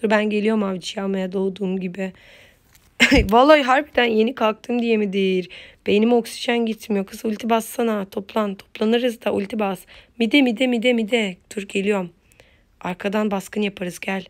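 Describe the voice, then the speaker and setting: A woman's voice: mid-range voice, steady tone. A woman giving playful, casual commentary while playing a mobile game, just woken up and chanting words over and over. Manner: playful, chatty, repeats words in quick chants.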